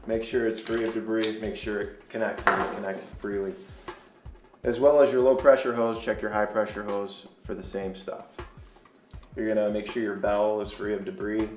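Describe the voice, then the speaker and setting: A man with a fairly low voice walks through equipment procedures like a training instructor. His delivery is plain and directive, one step at a time. The room is clearly echoey, with music underneath.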